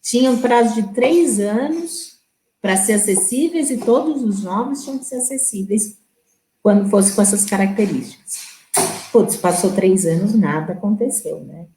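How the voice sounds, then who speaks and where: A woman's voice: medium pitch, moderate pace, mellow, a little hiss or hum. A woman, a guest in a live web interview, telling a story and acting out the people she quotes. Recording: roomy echo.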